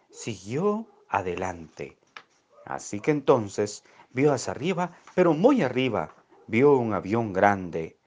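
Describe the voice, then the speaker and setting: Guy reading a kids story real slow, voice going up and down a lot. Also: mid-range voice. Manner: expressive, drawn-out storytelling.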